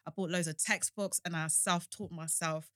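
Bright-voiced young London roadman-accented woman. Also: on the low side, fairly even intonation, moderate pace, no echo, clean studio sound. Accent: London roadman, multicultural East London. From East London, England. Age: young adult. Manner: slangy, frequent 'like' and 'innit'. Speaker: interview guest. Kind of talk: casual chat.

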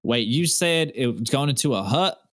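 A man's voice: mid-range voice, animated, moderate pace, fairly bright tone, dry recording, studio quality. A man running a tabletop role-playing game as game master, telling the scene descriptively in a casual way. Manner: descriptive storytelling, casual asides.

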